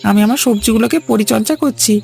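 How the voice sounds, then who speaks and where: Over background music, a woman voices a feisty cartoon village farmer woman in Bengali cartoon dialogue, rattling off words fast at a fairly high pitch with a gravelly creak. Defiant and indignant, she's sharp-tongued, scolding and argumentative, standing her ground and stressing her points like a born scolder.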